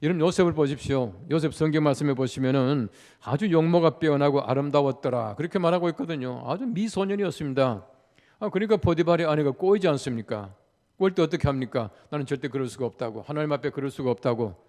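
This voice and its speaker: The older pastor, originally from Gyeongsang, Korea, talks quickly in a slightly mellow, higher-pitched voice. His dawn sermon in the big church sanctuary is conversational, built around stories and rhetorical questions. The sound carries the long echo of the church hall.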